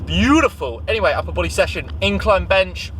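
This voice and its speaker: A man's voice: high-pitched, animated, fairly quick, noisy background. A man chatting casually to his camera as a fitness vlogger, upbeat and loose, with plenty of fillers. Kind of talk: casual vlog chat. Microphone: handheld camera.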